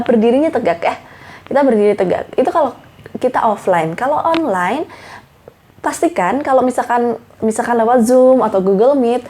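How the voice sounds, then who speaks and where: A woman's voice: a little high, mellow. A young woman talking casually to camera, giving public speaking tips and calling herself by her own name. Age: young adult. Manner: chatty, refers to herself by name, mixes in English phrases. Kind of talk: casual tutorial talk to camera.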